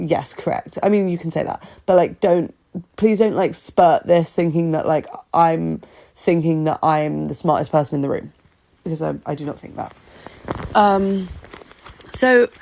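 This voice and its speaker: A woman with a lowish voice and vocal fry hosts a podcast alone, offering informal opinions. She sounds candid and self-deprecating, hesitating as she thinks out loud into her phone at home rather than in a studio.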